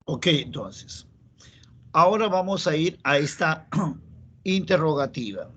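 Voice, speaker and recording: A man's voice: a little high, expressive, slow pace, pushed and bright. A man with a Peruvian Spanish accent teaching a classroom grammar lesson, repeating key phrases and checking in with students. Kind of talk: classroom lecture.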